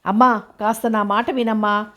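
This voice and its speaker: A woman voicing a kind, earnest young man gently comforting his cousin, in a novel reading. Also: on the high side, steady tone, moderate pace. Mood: gentle. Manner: affectionate, earnest. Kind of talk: audiobook character reading.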